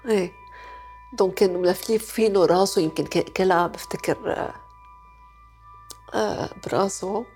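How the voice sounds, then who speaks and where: A woman's voice: medium pitch, normal speed, pauses often, a little mellow, soft background music. A Lebanese-accented woman giving personal testimony in a conversational way, dropping French phrases into her speech. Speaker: interviewee recalling war experience.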